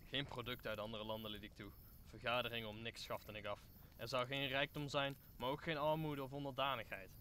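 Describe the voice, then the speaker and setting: In a Dutch audio drama of Shakespeare, a man lightly acts a talkative, optimistic old counsellor, speechifying formally in an idealistic, declaiming mood. His medium-pitched voice is level, brisk and sharp-toned, with a little hiss or hum in the recording.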